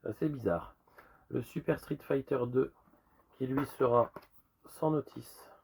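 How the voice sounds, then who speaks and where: A man with a rusty, hoarse voice worn by a lingering cough, casually presenting a collection in an informal, rambling show-and-tell. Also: mid-range voice, unhurried, background noise. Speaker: retro game collector presenting a sale.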